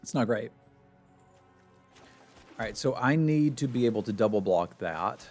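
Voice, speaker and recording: A man's voice: lowish voice, lively intonation, measured pace, darkish tone, soft background music. A man giving casual gameplay commentary as a streamer, thinking aloud about his moves with wry, self-deprecating humor. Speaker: card game player and streamer.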